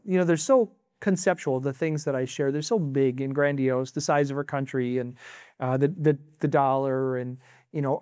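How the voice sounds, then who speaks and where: A preacher delivering a sermon in an emphatic way, tossing in short exclaiming asides between points. The voice sits at a middling pitch. The sound is dry and close, with no room echo. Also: a little mellow. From United States. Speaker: pastor.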